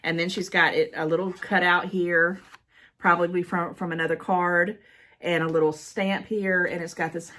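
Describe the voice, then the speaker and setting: Woman, lowish voice, casual vlog chat, heartfelt and easily moved. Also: level tone, moderate pace, fairly bright tone. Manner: emotional, heartfelt, chatty. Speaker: haul vlogger. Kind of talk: casual chat reading cards to viewers.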